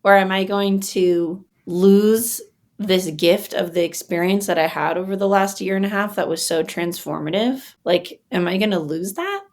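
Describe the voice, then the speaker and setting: A woman's voice: mid-range voice, moderate pace, a little mellow. A woman in a casual podcast conversation, talking reflectively, searching for words with many fillers and growing emotional. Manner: gets emotional while talking. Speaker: podcast guest.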